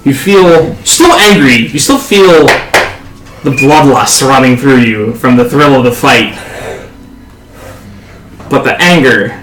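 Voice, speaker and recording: A man narrating as game master of a tabletop game, halting, with many fillers. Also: medium pitch, a bit bright. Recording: echoey room, faint noise.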